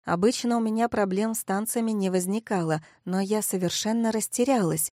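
A young woman narrating a first-person audiobook in a mid-range voice. Her delivery is lively and self-mocking, like thinking aloud. The recording is close and dry, with no room sound. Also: mid-range voice, brisk, no room sound.

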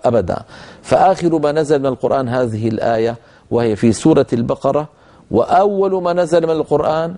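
Older male recitation teacher, warm and unhurried, drawing out example words. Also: medium pitch. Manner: explanatory, demonstrates recitation with slow drawn-out examples. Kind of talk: religious lecture.

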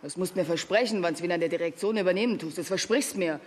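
A woman's voice: lowish voice, fast talker, a little mellow, close to an everyday voice. A woman playing a coquettish young actress. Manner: coquettish, dialect-colored. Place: theatre stage.

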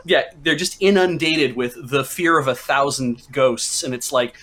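A man's voice: mid-range voice, normal speed, fairly bright tone, slight background noise. Rambling man riffing with restarts. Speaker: panelist. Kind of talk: casual comedic chat.

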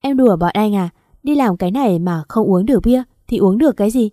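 A woman reading the lines of drunk, pushy men at a karaoke party, coaxing and pressing loudly, in a storybook read-aloud. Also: mid-range voice, lively intonation, fast, no room sound, studio quality, close to an everyday voice.

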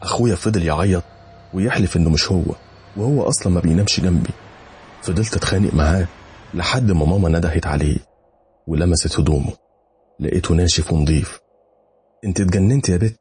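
A man with an Egyptian Arabic accent narrating a first-person horror story in a rushed, tense way. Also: low voice, a little mellow, slightly rough.

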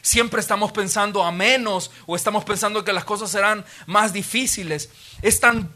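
High, bright-voiced pastor. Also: male voice, normal speed. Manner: animated storytelling, vivid and expressive. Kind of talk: sermon.

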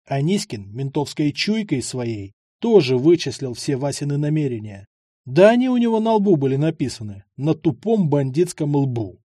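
A man's voice: fairly high pitch, mellow, no echo, studio quality. Wry male audiobook narrator. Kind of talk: first-person fiction narration.

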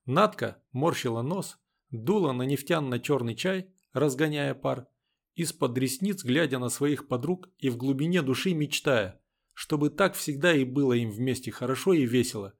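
A man narrating an audiobook in a steady, even storytelling voice. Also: medium pitch, moderate pace, creaky.

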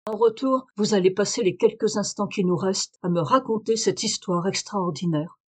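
Lady reader doing a cool, bossy detective guy, steady mid-pitch voice. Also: close to an everyday voice. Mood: brisk commanding. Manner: measured, firm, commanding. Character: calm, authoritative male detective. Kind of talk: audiobook reading of a detective story.

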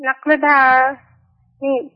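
A woman's voice: high-pitched, level tone, unhurried. A woman calling in to a quiz over the phone, giving short, hesitant answers. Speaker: quiz caller. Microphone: phone call. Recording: tinny phone line.

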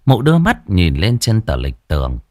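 A man narrating a scripted ghost story in a lively, expressive way. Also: low voice, normal speed, no room sound, studio quality.

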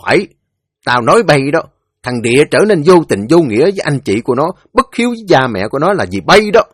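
A man voicing a domineering old father, gruff and threatening. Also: fairly high pitch, very animated, fast, dry recording, studio quality. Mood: angry. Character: stern old father, domineering and hot-tempered.

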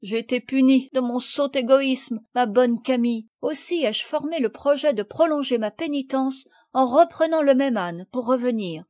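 A woman reading aloud and voicing a proud but repentant young girl with an earnest, lively manner. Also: high-pitched, normal speed, hardly any pauses, no room sound, clean studio sound, voice pushed up, lightly acted.

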